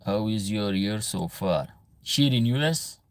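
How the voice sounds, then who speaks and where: A man's voice: lowish voice, animated, unhurried, no echo. A man from Albania with an Albanian accent, chatting casually on a livestream as he reads viewer comments aloud and answers them. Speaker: livestream host, veterinarian.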